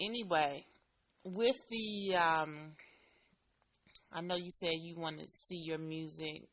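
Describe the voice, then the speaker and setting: A woman's voice: low voice, steady tone, slow pace, fairly bright tone, a little hiss or hum. A woman hosting a casual interview, chatty and emphatic, laughing often. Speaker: interview host.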